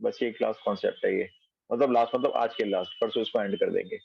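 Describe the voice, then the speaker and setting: A man's voice: lowish voice, fast, vocal fry, breathy edge, no echo, muffled recording. A man teaching a math class online from home, explaining step by step and checking that students follow.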